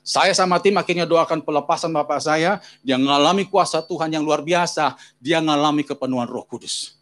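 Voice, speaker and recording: A man's voice: fairly high pitch, normal speed, fairly bright tone. A man from Medan with a Medan Indonesian accent, preaching and telling a personal story while he keeps addressing the congregation directly. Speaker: pastor. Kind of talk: sermon with a personal testimony.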